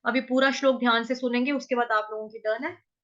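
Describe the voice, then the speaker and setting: High-voiced woman teacher, slow and bright, going over each syllable again and again, dull lo-fi sound. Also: fairly even intonation. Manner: slow syllable-by-syllable drilling, repeating words many times. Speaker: Sanskrit recitation teacher. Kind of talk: online chanting class. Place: online class.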